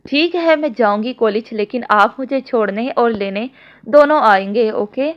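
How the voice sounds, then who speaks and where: A timid, childlike young woman who pleads in a soft, murmuring voice, read by a woman. The pitch is a little high, and the lo-fi recording is dull. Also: a little slow, natural voice. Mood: shy. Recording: dull lo-fi audio.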